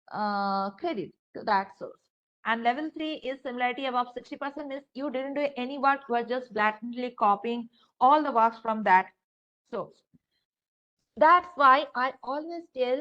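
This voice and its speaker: A woman's voice: sits high, fairly bright tone, highs cut off. A woman with an Indian English accent giving a classroom lecture, talking conversationally with many fillers and speaking straight to her students. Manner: conversational, frequent fillers, addresses students directly. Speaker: university lecturer.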